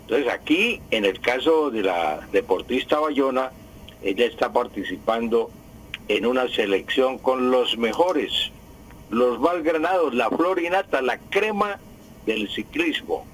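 A man's voice: mid-range voice, expressive, unhurried, slight background noise, low-quality recording. A man, a language expert on a radio show, explaining patiently, repeating key words and correcting himself.

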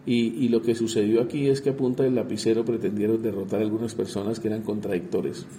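Halting politician, very dark voice. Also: male voice, on the low side, level tone, slight background noise. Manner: halting, repeats words while searching. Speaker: congressman. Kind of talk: interview answers.

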